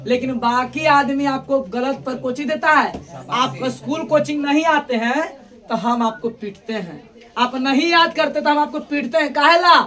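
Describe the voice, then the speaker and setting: A teacher explaining verses to a class in a coaxing, repetitive way, often calling for attention and chanting lines slowly. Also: mid-range voice, fairly bright tone.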